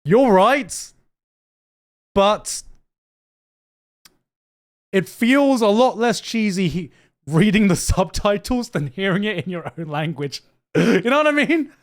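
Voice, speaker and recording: On a live stream, a young non-native Japanese speaker watches an anime trailer and reacts with a high-sitting, very animated voice. He talks slowly with frequent pauses, cursing, laughing a lot, and circling back over his own words as he thinks.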